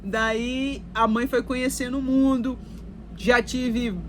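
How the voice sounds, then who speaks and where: A woman's voice: a little high, level tone, slow, slight background noise. A Brazilian woman talking casually to her viewers, telling her life story in a chatty way with lots of fillers and asides. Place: recording while in Canada.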